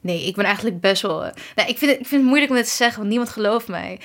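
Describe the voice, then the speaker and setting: A woman's voice: medium pitch, animated, rapid-fire, fairly bright tone. A young woman from the Netherlands, a pop singer being interviewed, talking in an enthusiastic, chatty way with English words mixed in. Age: young adult. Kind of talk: casual interview chat. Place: bedroom at her parents' home.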